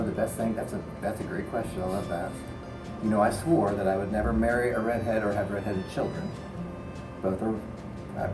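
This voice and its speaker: A middle-aged man, a teacher and coach, answering casually in an interview. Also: lowish voice. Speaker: teacher and quiz team coach being interviewed. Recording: echoey, distant mic, music over it. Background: music.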